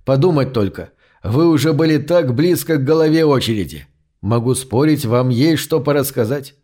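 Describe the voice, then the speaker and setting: A desperate, scheming man, as a narrator voices him, wheedling and flattering. He pleads smoothly, with his own plain mid voice. It is a character read inside an audiobook. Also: medium pitch, normal speed, natural voice.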